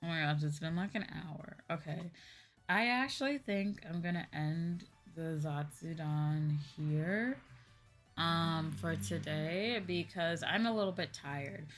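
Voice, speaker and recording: A VTuber host speaks slowly in a low voice, chatting casually with her livestream viewers while music plays in the background.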